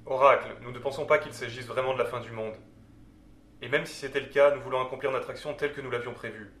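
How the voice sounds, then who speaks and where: A man's voice: medium pitch, fairly even intonation, quick pace, a bit bright, lightly acted. A man playing a determined rebel petitioner in an audio drama, speaking formally and earnestly. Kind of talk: French audio drama acting. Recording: echoey room, faint background noise.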